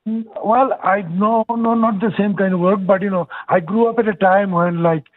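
Over a tinny phone line with no room sound comes a high voice with fairly even intonation at normal speed. It belongs to a nonprofit executive director in his sixties from Bangladesh, Bangladeshi-accented, calling in remotely for a casual interview and speaking earnestly, restarting hesitantly.

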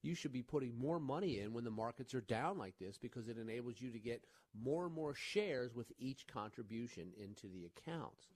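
A man's voice: mid-range voice, darkish tone, dry recording. A man hosting a financial advice radio show, giving emphatic, reassuring advice and checking in with "right?" and "okay?". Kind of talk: radio call-in talk.

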